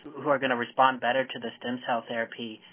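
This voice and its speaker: A man moderating an academic panel, putting wordy questions to his colleagues in halting phrasing. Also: mid-range voice, little pitch movement, husky. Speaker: discussion moderator. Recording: tinny narrow-band phone line.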